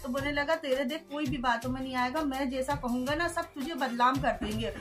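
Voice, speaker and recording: High-voiced woman telling her story. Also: a little fast, music in the background. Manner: storytelling, quoting others' words, frequent "haan, ji". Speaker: interviewee recounting an incident. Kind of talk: emotional first-person account.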